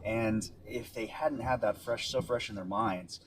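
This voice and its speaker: A man from the Tampa Bay area of Florida reporting live from the field on storm damage, explaining in an unscripted, halting and repetitive way. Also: fairly low pitch. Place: outdoors near flooded coastal neighborhood. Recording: distant mic with loud outdoor noise.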